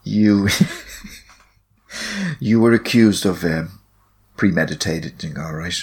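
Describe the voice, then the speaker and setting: A man's voice: low voice, wildly swooping pitch, slow, darkish tone, slightly rough. A man co-hosting a casual chat, teasing his partner in a dry, playful way. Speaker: co-host.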